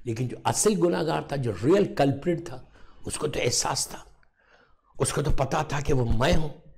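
Man, Islamic cleric, majlis sermon, high gravelly voice, impassioned, repeats phrases. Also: moderate pace, a little mellow. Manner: impassioned, repeats phrases, mixes English words. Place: imambargah gathering.

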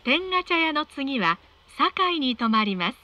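A woman reading scripted train announcements in a polite, measured, formal way. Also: sits high, big pitch swings, bright, forceful tone.

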